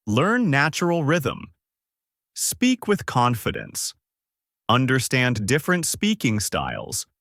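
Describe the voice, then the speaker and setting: Guy teaching english real slow and clear, emphatic, super slow pace, dry mic. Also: mid-range voice, fairly bright tone, no room sound. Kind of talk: slow instructional narration.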